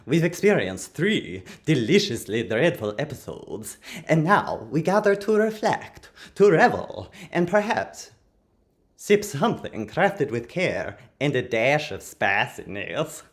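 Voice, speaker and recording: A man hosting a livestream in a campy, dramatic way, calling his audience darlings and stretching out his flourishes. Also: on the high side. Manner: playfully commanding, addresses the audience as darlings. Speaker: livestream host. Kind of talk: theatrical livestream chat.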